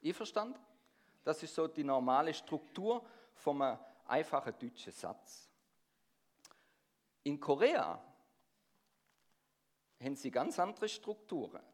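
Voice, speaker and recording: Very animated yet a little slow, pausing often, a middle-aged preacher with a slightly high voice addresses his congregation. He hails from near Stuttgart and speaks Swabian-tinged Swiss German, drawing listeners in with questions.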